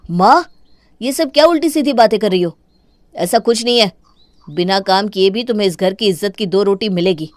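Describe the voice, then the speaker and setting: A woman voicing an angry young man who scolds and shouts at his wife for his mother's sake in a cartoon. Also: mid-range voice, normal speed, dry recording, studio quality, lightly acted. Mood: scolding.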